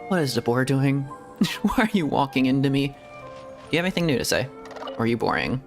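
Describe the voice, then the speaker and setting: A little fast and full of big pitch swings, this medium-pitched man streams a video game as a VTuber, chatting casually and laughing frequently. Game music plays faintly underneath.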